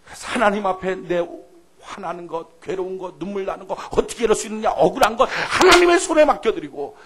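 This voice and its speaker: A man preaching a sermon as a pastor, dramatic, swinging from loud outbursts to hushed asides and leading the congregation in call-and-response. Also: sits high, lively intonation, fast talker.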